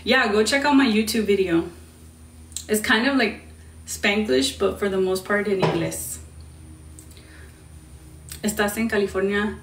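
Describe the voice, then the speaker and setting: This young woman from Indiana in the US Midwest hosts a casual TikTok live, answering viewer questions and switching between English and Spanish mid-sentence. Her voice is medium-pitched and a little slow, with frequent pauses. She sits far from the mic, so the sound is roomy with a faint hiss or hum.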